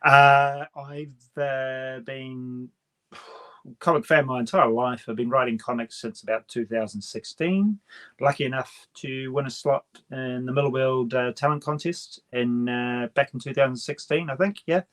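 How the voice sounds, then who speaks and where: A man with a medium-pitched voice. He hosts a casual, conversational chat as a writer talking about his work. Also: fairly even intonation, unhurried, fairly bright tone. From New Zealand. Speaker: comic writer hosting a launch chat.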